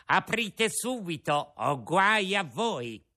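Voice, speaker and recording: A man's voice: high voice, sing-song, bright, forceful tone, pitched above the performer's own voice, full character voice. A man doing a sly smirking little coachman. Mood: sly menace. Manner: slow, smirking, threatening.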